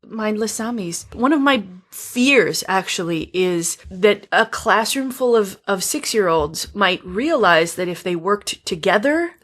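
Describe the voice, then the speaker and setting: A woman with a mid-pitched voice co-hosts a casual movie podcast. She talks in a chatty, expressive way as she shares her take on each film. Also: unhurried, hardly any pauses. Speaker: podcast co-host. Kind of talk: casual movie review chat.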